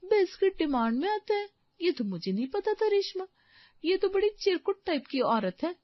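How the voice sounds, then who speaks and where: A gossipy young best friend who mocks the guests behind their backs in a cartoon story, voiced by a woman. Her voice is quite high, and the recording is dry and muffled. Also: very animated, moderate pace, dry recording. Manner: mocking, gossipy.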